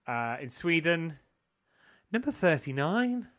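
A man's voice: fairly high pitch, sing-song, slow pace, a bit bright. A man, chatting casually as co-host of a music podcast.

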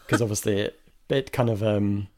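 On a relaxed film discussion podcast, this male co-host speaks fairly quickly in a lowish voice with even intonation. Thoughtful but chatty, he hedges, restarts frequently, and laughs in bursts.

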